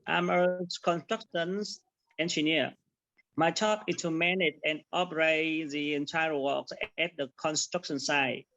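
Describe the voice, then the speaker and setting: A man's voice: a little high, fairly even intonation, measured pace, sharp tone, low-quality recording. A man recites a prepared self-introduction in a classroom English exercise. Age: 30s. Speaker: interview guest. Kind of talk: classroom English speaking exercise, scripted interview.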